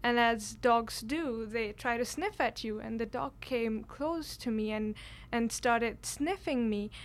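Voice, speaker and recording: A late-teen exchange student from Kashmir, India, earnestly shares a personal story, often restarting her sentences. Her voice is on the high side, and she speaks slowly.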